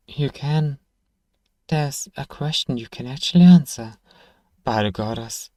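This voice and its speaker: A man plays a gruff apothecary in a fantasy ASMR roleplay, his medium-pitched voice natural, dark, and mellow. Sardonic, sarcastic, and grudgingly kind, he sighs, murmurs, and teases one listener dryly. The sound is close and intimate, with almost no room tone and no echo.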